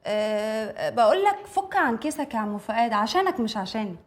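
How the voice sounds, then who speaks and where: A woman's voice: fairly high pitch, very animated, a little fast. An actress with an Egyptian accent playing a cheeky young cleaning woman who teases and mocks her employer. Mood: teasing. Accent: Egyptian Arabic.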